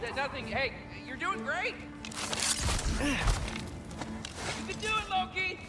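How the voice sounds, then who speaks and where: This heavily acted performance has a man using an extremely high pitch and a slow pace to portray a nosy, talkative male refugee in a music-backed cutscene. Excitable, the character shifts back and forth between excitement and doubt.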